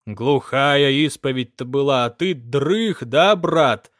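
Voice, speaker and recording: A man voicing a stern, reproachful village priest who scolds slowly and loudly. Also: medium pitch, dry recording, studio quality. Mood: scolding.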